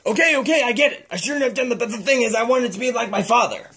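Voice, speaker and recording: A performer voicing a playful kid in a helmet costume who loves doing character voices, with a husky, dramatic delivery. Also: medium pitch, fast talker, a bit bright, a little hiss or hum, lightly acted. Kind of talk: fan cartoon voice acting.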